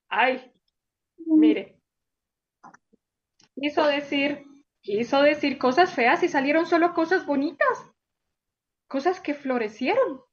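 High-voiced lady teacher telling kids a story, slow, lively, asks them stuff, muffled recording. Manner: animated, exclamatory, asks children questions. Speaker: teacher of children. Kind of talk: storytelling to children.

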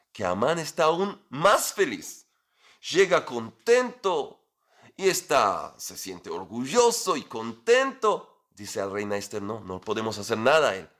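A man's voice: medium pitch, a bit bright. A man teaching a religious lesson, retelling a scripture story with animation and asking his listeners rhetorical questions.

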